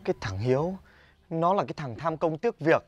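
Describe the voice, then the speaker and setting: An actor playing a gruff, worried father who grumbles in a lively way. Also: a little high, moderate pace, no room sound, dull audio.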